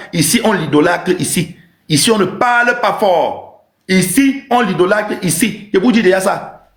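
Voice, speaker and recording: Guy doing a teasing comic rant on a live stream, kinda high voice, echoey room. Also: fairly bright tone. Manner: emphatic, repetitive, teasing. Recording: roomy echo.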